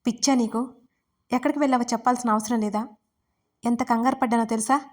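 A woman voicing an anxious, exasperated young husband who scolds and shouts in an audio love story. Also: fairly high pitch, fairly even intonation, fast, natural voice.

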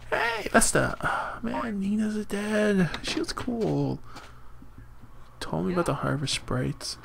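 Gravelly, lively man commenting on a game. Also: high voice, slow pace, noisy background. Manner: animated, jokey, often squeals in surprise. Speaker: gameplay commentator. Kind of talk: casual let's-play commentary. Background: game music.

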